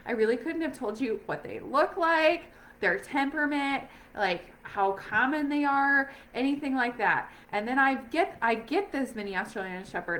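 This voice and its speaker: Woman, chatty sales rep, slightly high-pitched, upbeat, filler-heavy casual talk. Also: fairly bright tone. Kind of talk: casual recruiting chat. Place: home.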